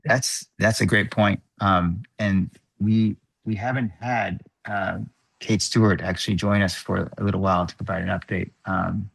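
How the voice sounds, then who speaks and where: A man chairing an online work group meeting, thinking aloud in a halting, measured way over a video call microphone. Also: deep voice, fairly even intonation, gravelly, fairly bright tone, slightly rough.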